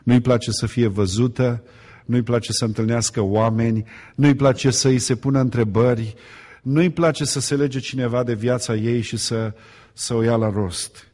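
A man preaches a sermon to his congregation, posing rhetorical questions and repeating phrases to build emphasis, with long hall reverb on the recording. His voice is mid-range, steady, and a little mellow.

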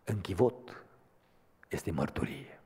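A man preaching a sermon in a church, moving from quiet storytelling to loud, emphatic preaching. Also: on the low side, sing-song, slightly rough. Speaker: Pentecostal preacher. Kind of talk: sermon with personal testimony. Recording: long hall reverb.

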